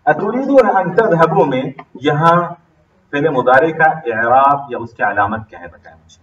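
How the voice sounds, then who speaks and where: Lively man teaching in an echoey classroom. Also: fairly high pitch, moderate pace, highs cut off. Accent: Pakistani Urdu. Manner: drills students with questions, repeats terms emphatically. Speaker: Arabic grammar teacher. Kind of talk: classroom grammar lesson. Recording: roomy classroom, mic far off.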